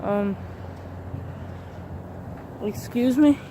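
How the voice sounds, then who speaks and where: An extremely high, warm-toned voice comes from a man using a gender swap filter that makes him sound like a woman. He talks extremely slowly, rambling hesitantly with many fillers, in a casual vlog from up in a tree in the woods, with a little hiss or hum.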